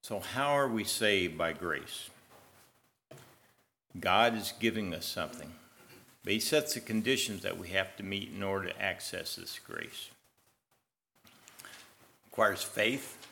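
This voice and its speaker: Man, preacher, sermon, low-pitched, bright forceful tone, storytelling with rising emphasis. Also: a little slow, creaky, pauses often. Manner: storytelling with rising emphasis, voicing characters in a joke.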